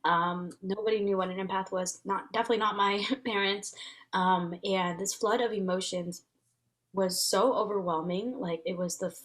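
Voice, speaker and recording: Speaking at a normal speed with fairly even intonation, this woman has a mid-range, rather bright voice. Vietnamese is her native language; she's in her thirties and works as a transformation facilitator, appearing as an earnest interview guest who reflects casually and stumbles through fillers and restarts.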